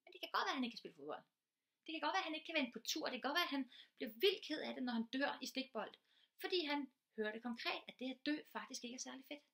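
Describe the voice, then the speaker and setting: A woman's voice: high-pitched, lively intonation, vocal fry, pushed and bright. A woman teacher giving an informal talk, earnest and explanatory, building her points from everyday examples. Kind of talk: informal lecture.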